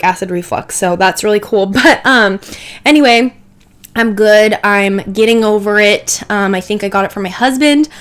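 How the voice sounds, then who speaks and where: With a clear, resonant mid-range voice that is a little stuffy and dry from a cold she is getting over, a young woman chats casually over her Sims game build. She is a build creator who fills her talk with asides and "like"s.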